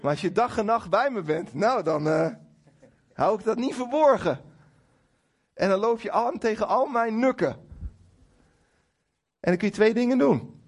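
A man's voice: high-pitched, normal speed, pauses often, husky. A middle-aged man preaching a sermon to a congregation, speaking emphatically and addressing listeners directly with some humour. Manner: lively, emphatic preaching with acted quotes to God. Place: church hall before a congregation.

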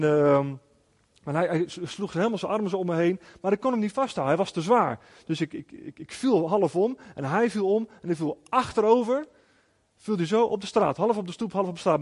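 A man's voice: sits high, darkish tone, big-room sound. A man preaching a sermon as a pastor, telling a personal story in an earnest way with frequent restarts.

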